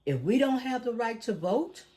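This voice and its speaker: A crowd can be heard behind this podcast host, whose very high voice is very animated at normal speed. He hosts a casual talk show, delivering conversational commentary that is preachy and emphatic, often with leading questions.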